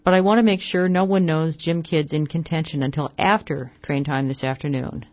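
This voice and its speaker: A reader voicing a calm young male deputy marshal in a western story reading, speaking softly and evenly without emotion. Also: medium pitch, moderate pace, muffled recording, close to an everyday voice. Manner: soft, even, without emotion.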